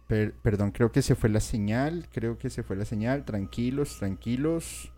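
Mellow-voiced man streaming live. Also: lowish voice, normal speed. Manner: chatty, addresses viewers directly. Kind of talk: live-streamed mystery commentary.

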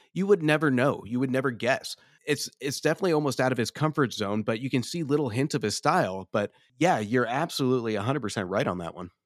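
A man's voice: medium pitch, no room sound. Discursive male film podcaster, dry sound. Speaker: podcast co-host. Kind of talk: casual film review chat.

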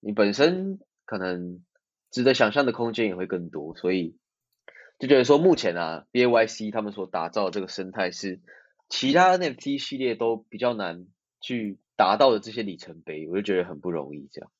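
Casting: male podcast co-host, Taiwanese accent, lowish voice, relaxed conversational style, close dull-sounding audio. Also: brisk, no echo. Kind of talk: casual chat.

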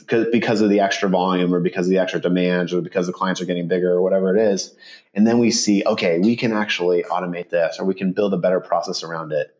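A man's voice: deep voice, a little mellow. A man in a casual interview, speaking as a guest founder. His manner is chatty and informal, with some self-deprecation. The sound is slightly dull and lo-fi, as on a remote call. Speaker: podcast guest, startup accounting firm founder. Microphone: remote call with headphones.

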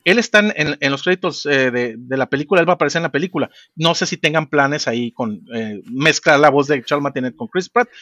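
High-voiced fast-talking man. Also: animated, pushed and bright, dry recording. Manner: jokey, bursts into squealing imitations. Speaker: podcast co-host. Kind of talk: casual chat.

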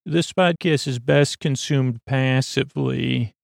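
Creaky, meandering bedtime podcast man. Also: mid-range voice, slow pace, no echo, clean studio sound. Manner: meandering, self-interrupting, drowsy. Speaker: podcast host. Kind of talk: rambling bedtime monologue.

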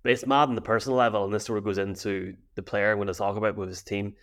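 A man with an Irish accent co-hosting a sports podcast, chatting in an animated, jokey way full of slang. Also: fairly low pitch, very fast. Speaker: podcast co-host. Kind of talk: casual sports podcast chat.

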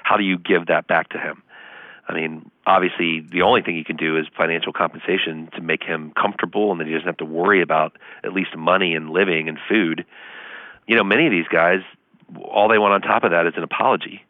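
A man, a law professor, answering interview questions over the phone, earnest and quick, with many fillers. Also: sits low, steady tone, dry recording. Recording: tinny phone line.

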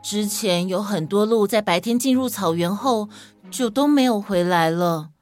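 A woman storyteller voicing a gentle, caring mother deer who patiently teaches her fawn. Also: medium pitch, normal speed, faint music behind, natural voice. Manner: patient, instructing.

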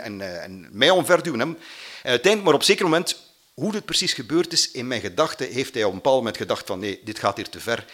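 A man from Belgium with a Flemish accent, telling a personal story and acting out the voices of the people in it. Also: mid-range voice. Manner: animated, acts out quoted voices.

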